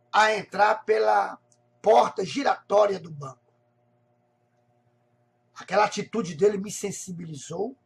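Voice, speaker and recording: A male pastor telling a personal testimony in a sermon, slowly restating each phrase in several ways. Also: high voice, fairly bright tone. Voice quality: gravelly, husky voice. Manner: slow, repetitive, rephrasing each phrase.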